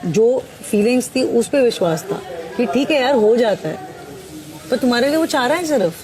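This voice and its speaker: A woman's voice: a little high, expressive, moderate pace, crowd noise, rough recording. A young woman in a heated group discussion, speaking pointedly and repeating her points.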